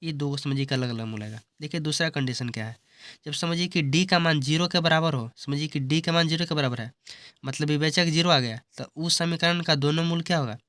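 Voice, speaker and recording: A man's voice: a little high, fairly quick, fairly bright tone, dry recording. A man teaching an exam-prep maths lesson, explaining step by step and repeating himself often. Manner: repetitive explaining, often says "see" and "understand".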